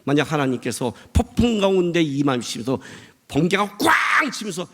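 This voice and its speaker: Pastor giving a sermon, animated, with a high, very lively delivery and constant rhetorical questions. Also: male voice, normal speed.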